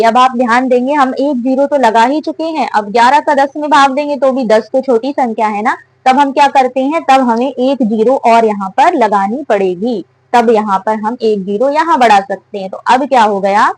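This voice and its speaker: A woman's voice: a little high, dry recording, low-quality recording. Woman teaching maths step by step. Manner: asks and answers her own questions.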